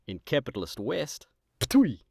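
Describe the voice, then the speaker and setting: A man's voice: low-pitched, big pitch swings, moderate pace, a little mellow, no room sound. Soviet Russian woman, played by a male storyteller, scolding and contemptuous joke character, swooping intonation, dry recording.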